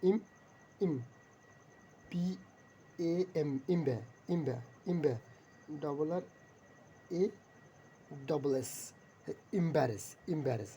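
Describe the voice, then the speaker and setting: A man's voice: a little high, warm tone, slight background noise. A man teaching vocabulary, spelling words out letter by letter and repeating them many times.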